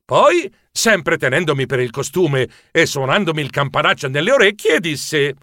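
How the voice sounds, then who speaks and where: A man's voice: a little high, sing-song, moderate pace, pushed and bright, no echo, studio quality. A man narrating a children's story in a playful, theatrical way. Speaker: audiobook narrator.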